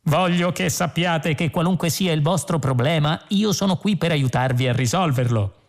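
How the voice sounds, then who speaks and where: A man reading an audiobook, voicing a cheerful, pushy starship computer in a sales-pitch manner, with a gravelly voice. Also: moderate pace, lightly acted. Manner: chirpy, salesy. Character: relentlessly cheerful, pushy male ship computer.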